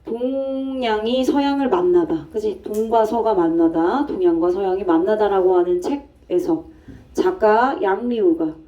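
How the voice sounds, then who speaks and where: A woman's voice: medium pitch, measured pace, mellow, recorded from a distance, highs cut off. A woman teaching an English grammar lesson to a class, explaining step by step and asking and answering her own questions. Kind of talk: classroom lecture.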